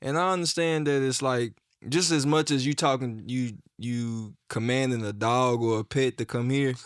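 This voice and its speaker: A man in a casual podcast chat, explaining at length in an animated, rambling way. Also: mid-range voice, moderate pace, clean tone, no room sound, clean studio sound. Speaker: podcast co-host, camp counselor.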